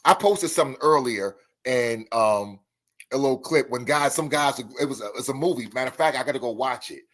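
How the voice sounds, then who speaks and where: Husky emphatic man hosting a live stream. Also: medium pitch, brisk, a bit bright. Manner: emphatic, repeats words. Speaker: host. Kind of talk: casual live-stream chat.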